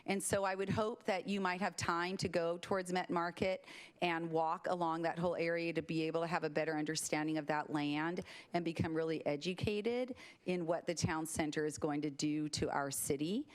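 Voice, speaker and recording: A woman's voice: low voice, fairly even intonation, moderate pace. A woman making a public comment at a civic meeting, addressing the members directly.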